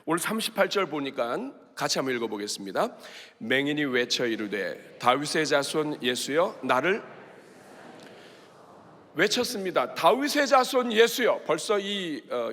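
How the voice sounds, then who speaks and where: Casting: fiery male preacher, bright forceful voice, in a reverberant sanctuary. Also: fairly high pitch. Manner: impassioned, acts out the blind man's cries with shouts. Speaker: pastor. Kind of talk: sermon. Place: large church sanctuary. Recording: long reverb of a large sanctuary.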